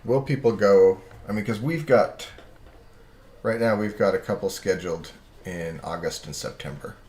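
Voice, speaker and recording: A man's voice: lowish voice, moderate pace, darkish tone, echoey room. A man chatting casually on his live art stream, rambling and often breaking off mid-sentence with chuckles.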